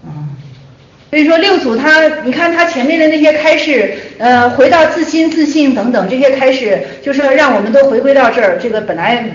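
Fast-talking high-voiced woman teaching, echoey room. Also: animated, a little hiss or hum. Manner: conversational, repeats phrases, asks herself questions. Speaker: Buddhist teacher. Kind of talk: lecture on Chan Buddhist texts. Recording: echoey room, dull lo-fi sound.

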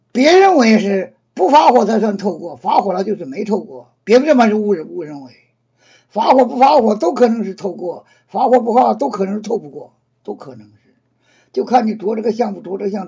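In a casual Buddhist discussion, a high-pitched man with a gravelly, very husky yet mellow voice explains things earnestly. He keeps repeating and rephrasing his points. The recording has a dull, lo-fi sound.

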